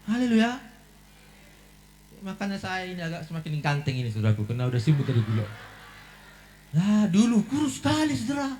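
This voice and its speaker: A pastor preaching a sermon, telling a story, acting out its scenes and calling out to the congregation again and again. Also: male voice, high voice, sing-song, a little fast, long pauses, warm tone, slight background noise.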